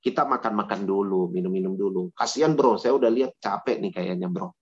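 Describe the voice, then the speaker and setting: A man's voice: on the low side, a little fast, husky, pitched below the performer's own voice. A man playing a smug, chummy old prophet. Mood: chummy coaxing. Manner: casual, chummy, calls everyone bro. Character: smooth-talking old male prophet, smug and persuasive. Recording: dull lo-fi sound.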